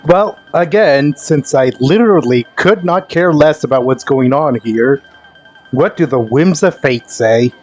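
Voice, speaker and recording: A man streams a game and comments casually on the action, exasperated and sardonic, with plenty of swearing. He speaks unhurriedly in a slightly high, darkish-toned voice. Soft music plays in the background.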